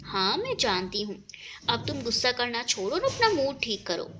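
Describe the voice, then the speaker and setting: Sweet young woman calming someone down, cute and gentle, woman narrator reading, high lively voice. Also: moderate pace, background noise. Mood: soothing.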